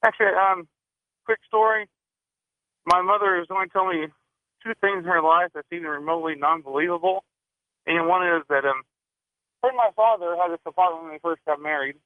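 A man calling in over the phone, his line cutting in and out, telling a story in a rushed way with lots of fillers and restarts. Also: sits high, dry recording, narrow, tinny audio. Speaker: caller. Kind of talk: telling a ghost story on a call-in show.

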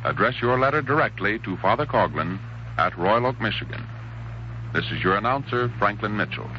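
A man's voice: on the low side, animated, normal speed. Man announcing on an old radio broadcast. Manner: earnest, urging appeal to listeners. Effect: old radio broadcast sound. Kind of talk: formal 1930s radio announcement. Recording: muffled old radio recording with faint hum.

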